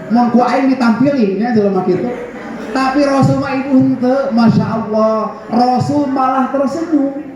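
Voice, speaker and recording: A man's voice: extremely high pitch, moderate pace, a little mellow. A man with a Sundanese accent preaching a sermon to a women's gathering, telling stories and acting out the voices in them. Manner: storytelling, acts out quoted voices, jokes with audience. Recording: very echoey hall, dull lo-fi sound, faint noise.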